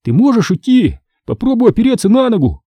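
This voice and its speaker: A man's voice: very high-pitched, sing-song, brisk, mellow, no room sound, voice pushed up, heavily acted. A man voicing a nervous, eager young teenage boy in a horror audiobook. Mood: urgent.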